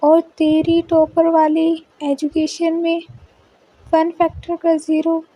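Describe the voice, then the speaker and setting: Woman voicing a young college girl, Haryanvi accent, teasing, drawn-out, high voice. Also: monotone, warm tone, no room sound, poor audio.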